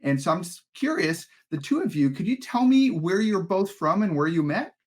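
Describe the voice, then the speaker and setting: A man's voice: high-pitched, animated, moderate pace. A man hosting a marketing podcast, upbeat and friendly, reading his opening and asking guests questions. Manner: upbeat, friendly host patter. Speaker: podcast host. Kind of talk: scripted podcast intro and interviewing.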